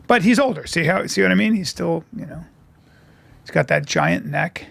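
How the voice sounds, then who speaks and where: A man's voice: sits high, lively intonation, normal speed, vocal fry, fairly bright tone, no echo. A man hosting a casual chat, repeating himself for emphasis as he goes. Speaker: show host.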